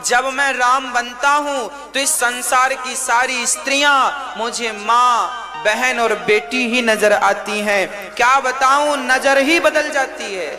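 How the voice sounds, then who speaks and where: The proud demon king Ravana, pleading and boastful by turns, as a high-voiced preacher puts him on in a sermon. Devotional music plays beneath the slow telling. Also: steady tone, heavily acted. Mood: lamenting. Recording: devotional music playing underneath.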